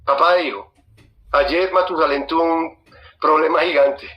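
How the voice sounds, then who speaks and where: A man's voice: on the high side, steady tone, normal speed, lo-fi sound. A man preaching a sermon as a guest preacher, emphatic and repetitive, speaking straight to his listeners. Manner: emphatic, repeats phrases, addresses listeners directly.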